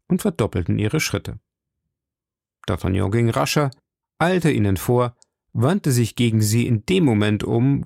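A man narrates an adventure novel in a steady, measured storytelling voice. His tone is gravelly at mid pitch. The recording is dry and close. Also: no room sound. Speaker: audiobook narrator. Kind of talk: scripted narration.

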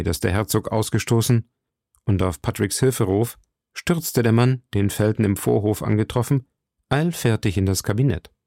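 A man reading a classic novel aloud in measured, steady narration. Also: fairly low pitch, no echo, studio quality. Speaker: reader. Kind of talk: audiobook reading.

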